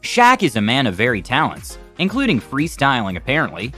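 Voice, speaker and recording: A man's voice: medium pitch, wildly swooping pitch, a little fast, fairly bright tone. A man reading scripted narration for a video compilation in an explanatory, lightly wry way. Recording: background music under voice. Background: music.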